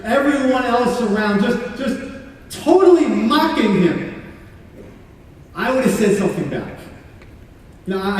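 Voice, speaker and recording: A man acting out a remorseful condemned criminal in a church monologue, speaking earnestly and halting, repeating words as he goes. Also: high-pitched, a little mellow. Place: large church sanctuary. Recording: echoey hall from far off.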